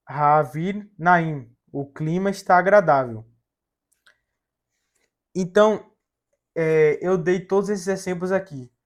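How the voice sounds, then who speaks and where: Male language teacher, fairly high voice, slow and methodical, sounds out syllables. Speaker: Hebrew teacher. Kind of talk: slide-based language lesson.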